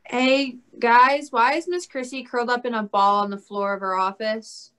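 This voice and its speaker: A woman's voice: a little high, steady tone, moderate pace, a bit bright, clean tone, lightly acted. A young woman acting a worried teenage theatre student who asks plain questions.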